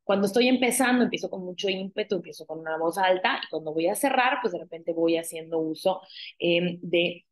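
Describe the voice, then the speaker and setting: Woman lecturer, lowish voice, talks through points with fillers and tag questions. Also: a little fast. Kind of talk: recorded online lecture.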